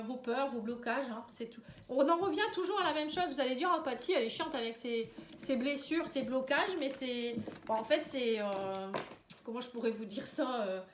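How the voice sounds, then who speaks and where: A woman's voice: on the high side, slight background noise. A woman with a stuffy head cold, sounding tired, giving a casual tarot reading straight to the viewer and tagging her lines with little checks like "you see". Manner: talks straight to the viewer, tags lines with "hein" and "vous voyez". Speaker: tarot and oracle card reader. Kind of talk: casual horoscope card reading to camera. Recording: roomy, resonant sound.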